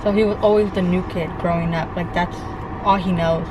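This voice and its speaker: A woman's voice: on the low side, fairly even intonation, fairly quick. A young woman from California, telling a story in a chatty, rambling way for a couple's vlog. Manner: chatty, rambling, lots of likes and restarts. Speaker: vlogger co-host. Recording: outdoor traffic noise behind. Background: street and car noise.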